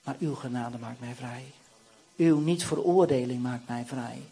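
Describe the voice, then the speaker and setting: A man preacher voicing a humble believer praying to God in a low, hushed, pleading tone. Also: measured pace, breathy edge.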